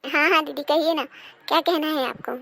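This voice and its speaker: A woman's voice: high-pitched, steady tone, fairly quick, gravelly, a bit bright. A woman voicing an aggrieved young daughter-in-law. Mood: polite. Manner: polite, then pleading and aggrieved. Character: put-upon young daughter-in-law, polite but aggrieved. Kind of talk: cartoon dubbing.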